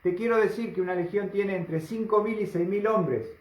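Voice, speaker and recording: A man's voice: high-pitched, moderate pace. A man preaching a sermon, emphatic and full of rhetorical questions to the congregation. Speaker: pastor. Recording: roomy, slightly dull recording.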